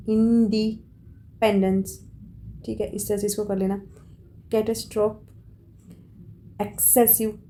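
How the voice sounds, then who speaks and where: A woman, tutoring for an exam, who explains slowly in Hindi and reads out English questions, with many fillers. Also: mid-range voice, mellow, slight background noise. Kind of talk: informal exam-prep lesson.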